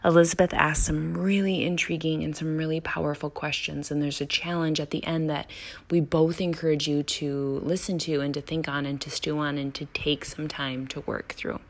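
Low-pitched woman hosting a chatty podcast. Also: little pitch movement, moderate pace. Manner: chatty, earnest, addresses listeners directly. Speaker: podcast host. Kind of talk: podcast intro and interviewing, casual direct address.

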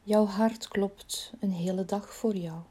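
A woman leading a guided body-scan relaxation in a slow, soothing, soft voice that often drops near a whisper. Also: medium pitch, fairly even intonation, breathy edge.

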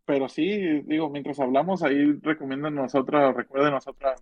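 A man's voice: fairly high pitch, steady tone, a little fast, dry recording, lo-fi sound. A man with a northern Mexican accent chatting casually in slang as a podcast co-host, rambling and repeating his phrases. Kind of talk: casual slangy chat about films and music.

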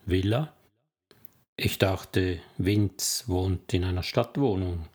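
A man's voice: low-pitched, slow, darkish tone. A man reading an audiobook, voicing a wary woman investigator who asks persistent, probing questions. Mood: calm. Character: wary adult woman, federal police investigator.

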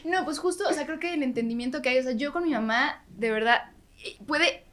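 A woman's voice: sits high, fairly quick, a bit bright. A young woman, an adult daughter guesting on a podcast, talking enthusiastically in casual chat.

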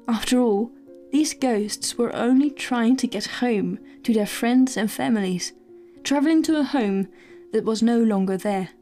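A woman's voice: fairly high pitch, mellow. A woman hosting a storytelling podcast, earnest and hesitant, with many fillers and restarts. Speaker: podcast host.

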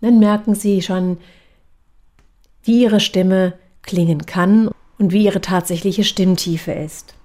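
A woman voice coach giving a calm, measured lesson on breathing and articulation exercises. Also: medium pitch. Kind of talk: instructional voice training lesson.

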